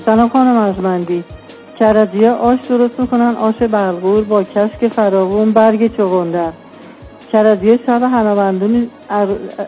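A woman from Iran calls in and chats casually and warmly. Her voice sits at a middle pitch and sounds dull and lo-fi, with soft music underneath. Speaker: radio caller. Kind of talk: casual call-in chat.

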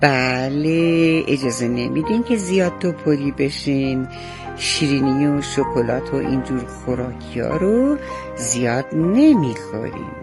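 A man gently narrating a bedtime story for children, speaking to them warmly and directly. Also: mid-range voice, lively intonation, music in the background. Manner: gentle, affectionate, talks straight to the kids.

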